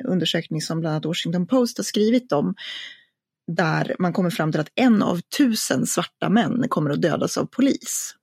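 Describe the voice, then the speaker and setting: Husky, hesitant woman in casual chat. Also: on the low side, darkish tone, no room sound, studio quality. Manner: thoughtful, hesitant, many fillers. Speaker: podcast co-host.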